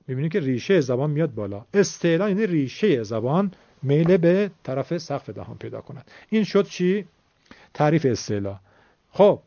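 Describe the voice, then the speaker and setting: A man with an Iranian Persian accent talks through a tajweed lesson in a patient, explanatory way, pausing to repeat the main points. His voice sits a little high for a man. It comes across dry and close, with a dull lo-fi sound. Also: warm tone, dry recording. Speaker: Quran recitation teacher. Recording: dull lo-fi recording.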